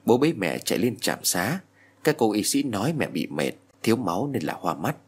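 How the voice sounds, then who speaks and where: Husky male horror storyteller. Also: fairly low pitch, big pitch swings, moderate pace.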